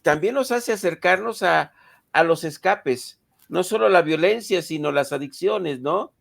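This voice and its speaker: A man's voice: high-pitched, lively intonation, a little slow, gravelly. A man hosting a remote interview, reflective and hesitant, with frequent fillers. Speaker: host.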